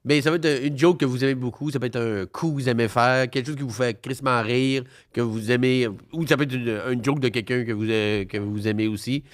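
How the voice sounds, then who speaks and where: A man with a Québécois French accent hosts a podcast, keeping the chat loose and playful. He rambles a bit and laughs easily, in a voice of ordinary middle pitch. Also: steady tone, brisk, few pauses. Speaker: podcast host. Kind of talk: casual interview chat.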